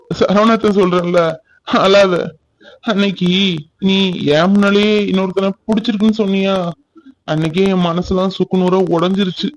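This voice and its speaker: A man voicing a rough village man, high voice. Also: close to an everyday voice, poor audio. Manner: gruff, scornful. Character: young uneducated village man, jealous then remorseful. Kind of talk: cartoon drama.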